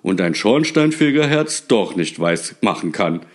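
Knecht Ruprecht, a man doing a bold rough helper. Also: lowish voice, sing-song, a little slow.

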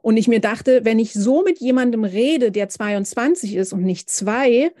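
Thoughtful woman, mellow, halting. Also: a little high, no room sound, clean studio sound. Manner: thoughtful, halting with many repeated starts. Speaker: podcast guest, family counselor. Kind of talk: casual podcast conversation.

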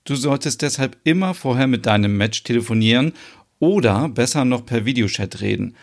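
A man's voice: medium pitch, expressive, a little fast, vocal fry. A man voicing a sensible, worldly married woman who explains things to her friend in a knowing way, in a podcast soap opera.

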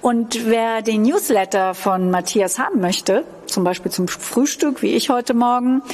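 A woman chatting casually as an interviewer and co-host. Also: fairly high pitch. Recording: clear ambient background noise.

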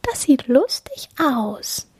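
A woman's voice: sits high, sing-song, takes it slowly, darkish tone, husky, no room sound, pitched above the performer's own voice, full character voice. A woman voicing small chattering squirrels in a storybook read-aloud.

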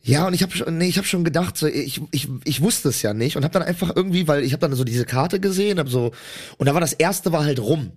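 A man chats casually as a comedy podcast co-host. His voice is fairly high and swings widely in pitch as he rambles in slangy, crude humour. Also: lively intonation, quick pace. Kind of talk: casual chat.

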